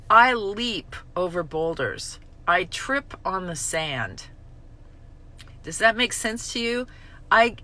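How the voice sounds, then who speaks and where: A middle-aged woman reflects openly on a daily reading as a recovery vlogger, speaking bluntly and candidly about recovery. Her medium-pitched voice is bright and forceful, and she pokes fun at herself, swears occasionally, and lets her emotions shift as she goes.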